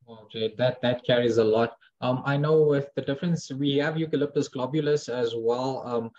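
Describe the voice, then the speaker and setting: A man's voice: medium pitch, moderate pace, darkish tone, no echo. A man hosting a casual online call, speaking hesitantly with many ums. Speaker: call host. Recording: dull lo-fi online call audio.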